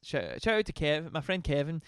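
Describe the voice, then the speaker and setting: A man's voice: a little high, lively intonation, fairly quick, fairly bright tone, clear, resonant tone, dry recording, studio quality. A young man co-hosting a casual book podcast, rambling off on tangents and talking about himself in a self-deprecating way. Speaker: podcast co-host. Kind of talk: casual chat.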